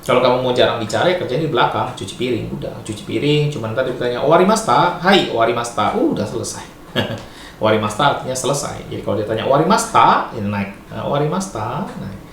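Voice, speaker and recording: A middle-aged man from Indonesia talks in a relaxed, lively way, mixing Japanese and English words into casual advice. He laughs often, and his voice sits at an ordinary pitch. The room gives it a clear echo over faint background noise. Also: fast talker. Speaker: vlogger giving advice.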